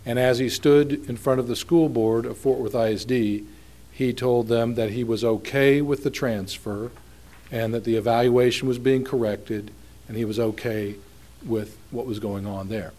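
A man, an attorney giving oral argument in a courtroom, speaking in a measured, halting way with frequent restarts. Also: mid-range voice, steady tone, mellow. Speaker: appellate attorney.

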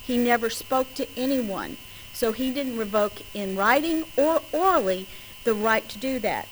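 A woman lawyer with a West Texas twang argues a case to a judge, emphatically and deliberately stressing key words. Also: fairly high pitch, slight background noise, rough recording. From West Texas, United States. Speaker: lawyer arguing before a judge. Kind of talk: courtroom legal argument. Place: courtroom.

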